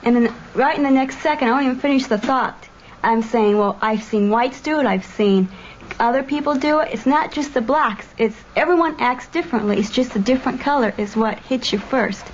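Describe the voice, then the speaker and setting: A woman's voice: on the high side, fairly quick. A young woman, a former student, reflecting thoughtfully and questioning her own reactions. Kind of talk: candid personal reflection. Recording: dull lo-fi documentary audio with faint room noise.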